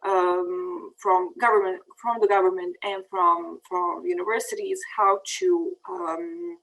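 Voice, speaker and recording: A woman's voice: lowish voice, steady tone, measured pace, vocal fry, fairly bright tone, poor audio. A woman in her thirties from Bosnia and Herzegovina, giving a presentation over slides with many ums and restarts. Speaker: peace fellow giving a presentation. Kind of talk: prepared talk over slides.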